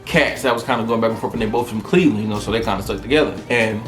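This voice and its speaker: A man, hosting a podcast and telling stories in a casual, comedic monologue. He is animated and profane. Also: fairly low pitch, racing. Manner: animated, profane storytelling with frequent laughter. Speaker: podcast host. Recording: roomy echo with faint music.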